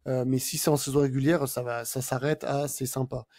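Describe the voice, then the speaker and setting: A man with a dark, mellow voice talking through a podcast segment. His delivery is casual and unpolished, with frequent pauses and restarts. He sounds like a co-host chatting with friends rather than reading a script. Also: medium pitch, level tone. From France. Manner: hesitant, many filler sounds and restarts while describing places.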